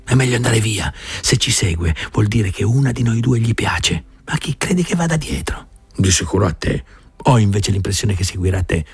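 A man voicing two gossiping young village women who talk quickly in half-whispers. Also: lowish voice, animated, breathy edge, no room sound, exaggerated voice. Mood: wary gossip.

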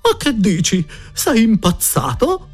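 A grand, imperious lady school director, played by a man for a storybook reading. She declaims in a high, sing-song voice with big theatrical swoops. There is a husky edge and faint music underneath. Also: huge pitch swings, slow pace, heavily acted. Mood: dramatic, imperious.

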